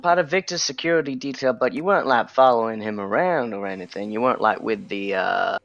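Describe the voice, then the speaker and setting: Man, tabletop player, quick jokes, gravelly, dry dull mic. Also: medium pitch, a bit bright, no room sound. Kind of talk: casual tabletop game chat.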